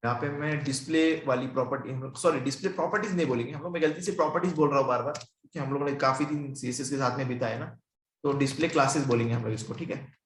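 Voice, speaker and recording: A young man from India teaching programming in a relaxed, conversational way, asking and answering his own questions. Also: mid-range voice, fast, reverberant. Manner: conversational, asks and answers own questions, often checks in with "ठीक है". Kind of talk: screen-recorded coding tutorial.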